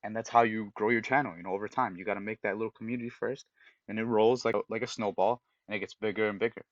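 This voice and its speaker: Low-voiced man giving eager podcast advice. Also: fast talker, no echo, lo-fi sound. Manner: animated, giving direct advice, acts out example voices. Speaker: podcast co-host. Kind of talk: casual podcast chat.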